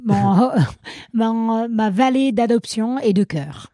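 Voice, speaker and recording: An American woman with a mellow, warm voice speaks French as a second language, pausing on fillers and laughing often. The recording is close and dry, with no room sound. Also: on the high side, no room sound. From Vermont, United States. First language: English. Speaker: guest, trail runner. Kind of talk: podcast interview.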